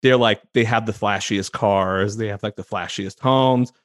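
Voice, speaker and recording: A man's voice: on the low side, steady tone, moderate pace, no room sound. A chatty American man, about thirty to forty, raised in the San Francisco Bay Area, talking casually as an interview guest and often repeating words as he starts a thought. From United States, San Francisco Bay Area.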